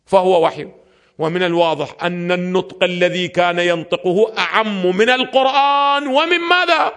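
A man's voice: very high-pitched, a bit bright. A man teaching a lecture on religious legal theory. He throws questions at his listeners and answers them himself, stretching out the verses he recites.

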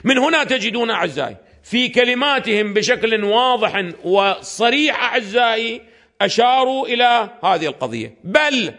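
High-voiced man lecturing. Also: expressive, moderate pace, bright, forceful tone. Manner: asks his listeners rhetorical questions and answers them himself. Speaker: religious scholar lecturing. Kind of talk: classroom lecture on legal theory.

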